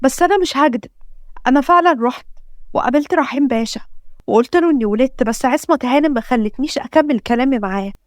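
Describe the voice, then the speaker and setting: A desperate young mother pleads for her children in a raised, anguished voice, as an Egyptian woman reads her. Her speech is quick and close. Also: sits high, dry recording, close to an everyday voice. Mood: pleading.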